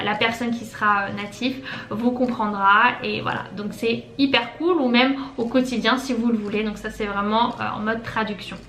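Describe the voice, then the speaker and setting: A young woman chats through her tips in a relaxed, friendly way, with plenty of fillers. Her voice sits a little high. The room is echoey and faint music plays underneath. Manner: chatty, many fillers, friendly "les amis". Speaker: YouTuber giving English-learning tips. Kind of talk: casual tips vlog. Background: faint background music.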